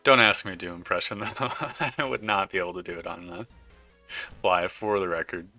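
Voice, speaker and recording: A man's voice: deep voice, normal speed, pushed and bright, faint music behind. A man casually commenting while playing a video game, chatting and reading the game's text aloud. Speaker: gaming YouTuber. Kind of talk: casual let's play commentary.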